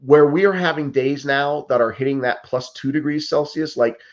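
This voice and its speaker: This American man in his fifties, running for office, responds to an interviewer with earnest urgency, repeatedly restarting sentences and leaning on "like" and "you know." His voice is a little high, fairly even in intonation, and at normal speed. The recording sounds muffled.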